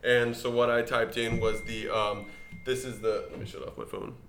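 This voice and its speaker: A man's voice: mid-range voice, level tone, normal speed, fairly bright tone. Young guy podcast host rambling through a story, echoey room, faint hiss. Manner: rambling storyteller, frequent restarts and word slips. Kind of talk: casual chat.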